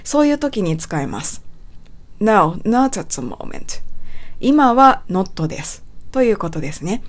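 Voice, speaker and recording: Polite woman teaching english pronunciation, patient, slows way down for the example phrases. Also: mid-range voice, big pitch swings. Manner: polite, patient explaining with slowed English demonstrations. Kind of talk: spoken lesson.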